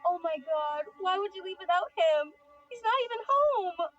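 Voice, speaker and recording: A woman voicing a frantic mother of a missing boy, panicked and pleading, in an animated story. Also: high-pitched, normal speed, highs cut off.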